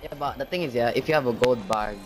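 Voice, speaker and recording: A man's voice: medium pitch, quick pace, noisy background. A young man in slangy casual gaming banter, repeating himself. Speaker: gamer.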